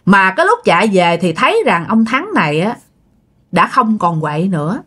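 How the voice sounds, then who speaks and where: A woman's voice: mid-range voice, very animated, moderate pace, a bit bright, breathy edge. A woman telling a ghost story in a chatty way, talking straight to her listeners. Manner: chatty, addresses listeners directly.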